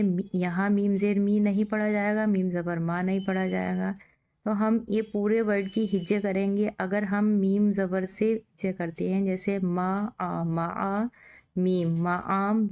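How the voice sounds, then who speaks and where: A woman's voice: mid-range voice, a little mellow. A woman teaching Urdu reading, patiently spelling out each word letter by letter. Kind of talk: slow spelling-out lesson.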